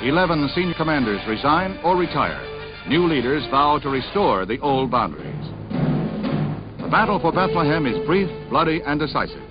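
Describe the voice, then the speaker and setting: Old newsreel announcer guy, kinda high voice, muffled lo-fi sound, loud music under him. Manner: brisk, dramatic announcer delivery. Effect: old newsreel recording. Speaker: newsreel narrator. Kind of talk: scripted newsreel narration.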